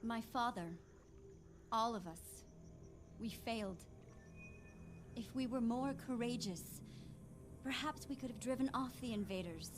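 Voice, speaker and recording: An actress playing a devout, troubled daughter in a video game, speaking earnestly and formally. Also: female voice, a little high, unhurried, long pauses, music in the background, close to an everyday voice. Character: devout, troubled daughter questioning her faith and virtue. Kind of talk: video game character acting.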